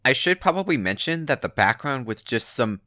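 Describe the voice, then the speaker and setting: A man's voice: medium pitch, big pitch swings, moderate pace, bright, forceful tone, dry recording, studio quality. A man giving a dramatic reading of an online story in a casual, sweary, emphatic first-person way. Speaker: narrator reading a written forum post aloud.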